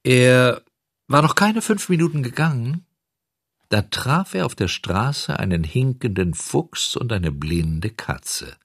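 A man reading a children's storybook aloud as narrator, in an expressive, melodic way. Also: mid-range voice, takes it slowly, husky, dry recording, clean studio sound.

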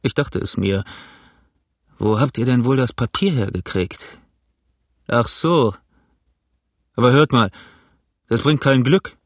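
A man's voice: medium pitch, takes it slowly, pauses often, dry recording, clean studio sound. A man voicing a sly, mocking old pirate cook in an audiobook, talking with jovial sarcasm. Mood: scolding. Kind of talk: audiobook character voice.

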